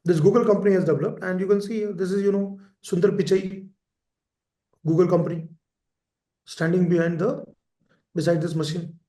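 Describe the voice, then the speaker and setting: A man delivers an exam-prep lecture in a high voice. He repeats key terms and keeps checking in with his listeners. The recording carries a roomy echo. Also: fairly even intonation, brisk, pauses often, mellow. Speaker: teacher. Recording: echoey room.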